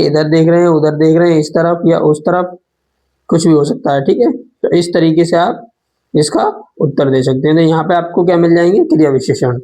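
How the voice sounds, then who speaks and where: A man's voice: a little high, a little mellow. A man teaching a grammar lesson, asking questions and then answering them himself. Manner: repeats "ठीक है" often.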